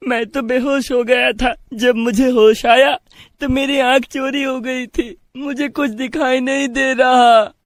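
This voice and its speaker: Narrator putting on a squeaky high scared schoolboy, slow whiny begging, dry sound. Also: fairly even intonation, no echo. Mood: pleading. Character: frightened mischievous village schoolboys.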